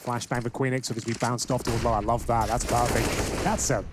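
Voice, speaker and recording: A man's voice: mid-range voice, little pitch movement, brisk, very noisy. A man commentating a live esports match as a caster, calling the play as it unfolds.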